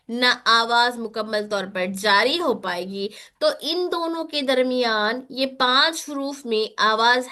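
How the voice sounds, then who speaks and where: Slow, bright-voiced woman teaching recitation. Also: a little high. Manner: slow, careful explanations, repeating single sounds as examples. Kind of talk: online lesson.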